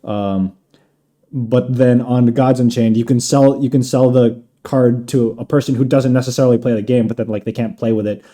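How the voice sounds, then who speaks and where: A man's voice: medium pitch, fairly even intonation, moderate pace, mellow. A man hosting a podcast, chatting casually and rambling with lots of fillers. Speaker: podcast host. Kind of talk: casual chat.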